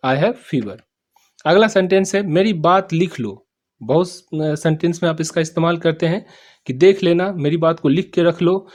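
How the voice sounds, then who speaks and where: Teaching English in Hindi, a man with a fairly high voice goes over every phrase slowly and repeats it. Words get spelled and sounded out one letter at a time, and he often asks students "samajh mein aa gaya?" to see if they've understood.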